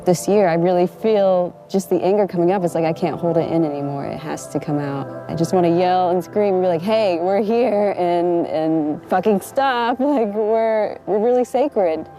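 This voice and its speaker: A soft-spoken young woman from the United States, speaking reflectively in a documentary interview. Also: fairly low pitch, fairly quick, hardly any pauses. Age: young adult. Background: music.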